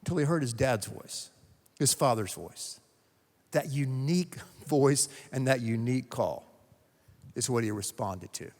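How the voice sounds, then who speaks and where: A man from North Carolina, a pastor delivering a sermon with emphatic, repetitive phrasing and dramatic pauses. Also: medium pitch, darkish tone. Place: church sanctuary. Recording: long reverb of a church sanctuary.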